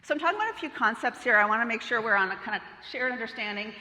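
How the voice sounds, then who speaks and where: A middle-aged woman delivers a keynote in a bright, slightly high voice. She talks in a lively, playful way, tossing questions to the audience. Her voice rings out through a large, echoing hall. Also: rapid-fire. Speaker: keynote speaker. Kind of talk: conference keynote talk. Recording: roomy hall reverb.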